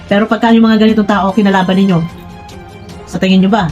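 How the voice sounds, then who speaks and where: A blunt, frank woman who says she is direct to the point rambles with many restarts, talking straight to viewers in a casual vlog commenting on online personalities. Her medium-pitched voice is fast, darkish, and fairly even in intonation. The highs are cut off, and faint music plays behind.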